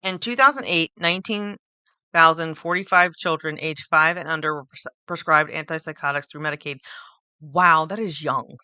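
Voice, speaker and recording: A woman's voice: sits low, brisk, sharp tone, clean tone, no room sound. A woman hosting a book club, reading a book aloud with casual commentary, stumbling over words and adding dry sarcastic asides.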